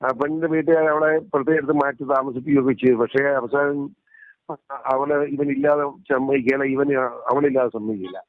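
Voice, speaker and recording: A man's voice: medium pitch, fairly even intonation, fairly quick, no room sound. A man speaking emphatically in a casual phone conversation, repeating his points, heard over a phone line. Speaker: interviewee. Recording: tinny dry phone line.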